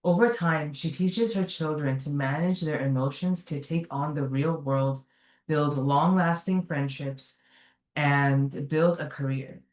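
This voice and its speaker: At a community gathering, a woman earnestly reads a prepared speech, delivering it carefully and correcting herself in small ways now and then. Her voice is low and somewhat dark, with a measured pace. The room is echoey and the mic sits at a distance.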